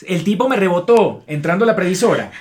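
A man's voice: sits high, big pitch swings, fast, darkish tone. Venezuelan man telling stories casually. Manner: slangy, storytelling, colloquial swearing. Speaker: podcast co-host. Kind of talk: casual chat.

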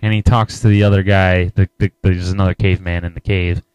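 A man's voice: low-pitched, flat delivery, quick pace, darkish tone, clear, resonant tone, no room sound, lo-fi sound. A man co-hosting a casual podcast, rambling through a story with many fillers and laughing at it. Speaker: podcast co-host.

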